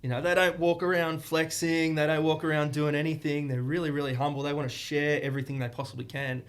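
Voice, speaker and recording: A man's voice: on the high side, little pitch movement, quick pace. Earnest man explaining at length. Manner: earnest, talks in long flowing explanations. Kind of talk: casual podcast interview.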